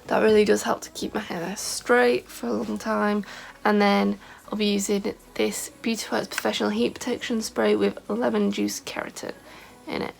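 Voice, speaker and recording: This is a beauty vlogger, a young woman talking casually to camera with few pauses, rambling and leaning heavily on "like." Her medium-pitched voice is gravelly and scratchy today, with a level tone at normal speed.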